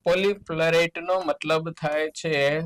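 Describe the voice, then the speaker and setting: Gujarati-accented male teacher, slightly high voice, slow deliberate exam walkthrough with playful asides. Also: rough recording. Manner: slow, explains words with spelled-out letters and playful asides; lively, jumps in pitch on key words. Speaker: English teacher. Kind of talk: exam solution lesson.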